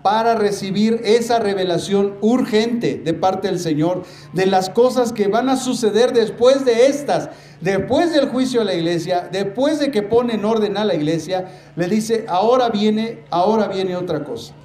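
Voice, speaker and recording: Male pastor, sermon, high-pitched and emphatic, recorded in an echoey church room. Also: mellow. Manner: preaching, repeatedly addressing the congregation as brothers; emphatic, slows down to stress key words.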